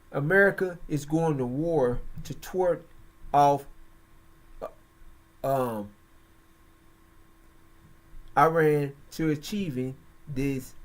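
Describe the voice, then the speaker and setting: A man hosts a stretch of religious and political commentary. His voice sits a little high, and he speaks slowly and deliberately. He stops often between short phrases and then comes down hard on his points. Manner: slow, halting, emphatic delivery. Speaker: host.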